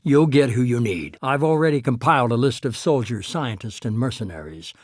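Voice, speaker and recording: A husky middle-aged man as acted by a male performer who leads a shadowy organization in a sci-fi video game. He speaks with cool, measured authority at a medium pitch, persuasive and calculating. The sound is dry, with no room around it. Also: expressive, a little mellow, dry recording, close to an everyday voice. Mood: cool, businesslike. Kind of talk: cinematic video game dialogue.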